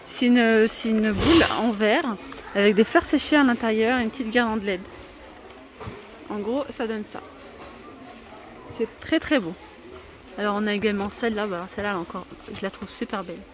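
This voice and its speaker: A woman vlogs her way around a big discount store, pointing out new items with plenty of enthusiasm, chatter and hesitation. She speaks at a medium pitch and moderate pace, pausing often, against background noise.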